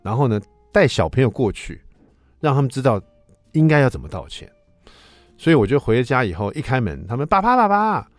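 A fast-talking, low-voiced man around fifty hosts a radio show and tells a family story in a loose, chatty monologue. His pitch jumps all over as he plays out the voices in it. The sound is close and dry, with faint music behind. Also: no echo. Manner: animated, acts out quoted voices, swings between loud and soft. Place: radio studio. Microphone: studio microphone.

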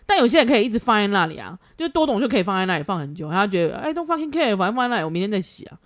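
Woman host, pitch that swings widely, frank and foul-mouthed, quick to laugh. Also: sing-song. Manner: blunt, swears freely, laughs often. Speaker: podcast host. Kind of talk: casual advice chat.

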